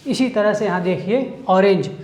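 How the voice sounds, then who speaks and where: A woman's voice: medium pitch, normal speed, a little mellow, reverberant. A woman teaching an English grammar lesson in the style of a classroom, explaining step by step and asking questions that she answers herself.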